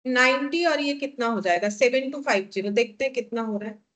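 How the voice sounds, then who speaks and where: Indian woman teacher, high voice, slow dictation, asks and answers her own questions. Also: fairly bright tone. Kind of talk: step-by-step classroom lesson.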